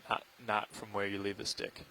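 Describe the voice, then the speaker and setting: A man's voice: lowish voice, monotone, normal speed, crowd noise, low-quality recording. A man giving terse, practical technical instructions as a vehicle pilot. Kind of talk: technical radio chatter.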